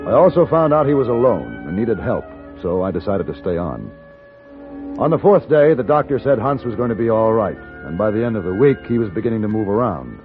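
An actor playing a calm, steady gunfighter who narrates in a measured, deliberate way, in a 1950s radio drama. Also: male voice, on the low side. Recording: tinny old radio broadcast with music.

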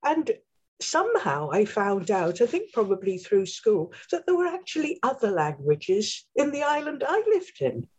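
An older woman with an English accent speaks as an interview guest in a husky, mid-pitched voice. She is thoughtful and wanders gently through her points, and the recording is slightly dull. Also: very animated, moderate pace. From England. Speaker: guest, name studies scholar. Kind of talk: reflective interview conversation.

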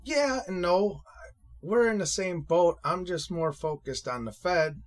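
A man's voice: high-pitched, expressive, measured pace. A man co-hosting a casual opinion show, speaking bluntly and swearing freely. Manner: blunt, profane. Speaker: co-host.

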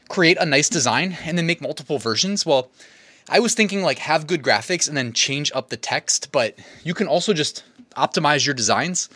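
A man's voice: fairly high pitch, fairly bright tone, no room sound. A young adult man, out of breath, chatting loosely about his research and laughing at himself. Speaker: YouTuber sharing niche research. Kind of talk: casual screen-share commentary.

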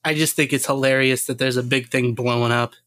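A man's voice: medium pitch, fairly even intonation, a little fast, fairly bright tone, no room sound. A man co-hosting a podcast in a casual, rambling chat, laughing often and swearing lightly. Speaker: podcast co-host.

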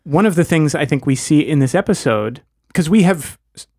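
A man's voice: on the high side, lively intonation, normal speed, darkish tone, no echo, clean studio sound. A man co-hosting a podcast, talking through a TV episode in a thoughtful, analytical, wordy way. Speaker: podcast co-host. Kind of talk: casual chat.

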